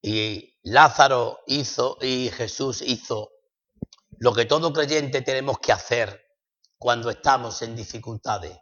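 A man from preaching a sermon, swinging dramatically between loud declarations and hushed passages. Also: mid-range voice, slow. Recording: echoey hall, dull lo-fi sound.

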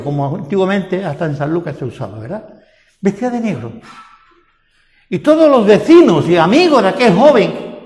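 An older man with a Spanish accent from Spain, preaching a sermon and asking repeated rhetorical questions. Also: very high-pitched. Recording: echoey hall with long reverb.

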